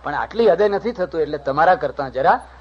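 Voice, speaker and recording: A man's voice: a little high, expressive, a little fast, darkish tone. Meek henpecked fellow, sheepish and confiding, done by a male storyteller; dull cassette sound.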